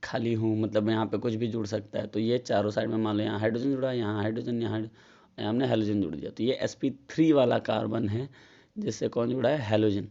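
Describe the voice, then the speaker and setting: A man's voice: lowish voice, steady tone, fast, gravelly, warm tone, highs cut off. A man with a Hindi accent giving a casual chemistry tutorial, asking and answering his own questions. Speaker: chemistry teacher. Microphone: phone.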